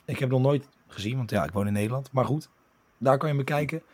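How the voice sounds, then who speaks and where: A man hosting a casual football podcast with a hoarse voice, talking at length with fillers and restarts. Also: medium pitch, fast talker, darkish tone. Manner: talkative, many fillers and restarts while explaining. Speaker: podcast host.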